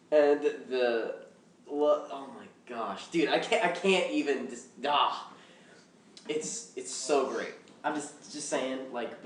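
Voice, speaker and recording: A young man talks in a casual podcast chat, rambling with excitement and snapping back quickly when challenged. His voice is mid-pitched and sits a little away from the mic. The room adds a clear echo. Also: distant mic. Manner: rambling, excited fan talk, quick defensive replies. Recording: roomy echo, a bit off-mic.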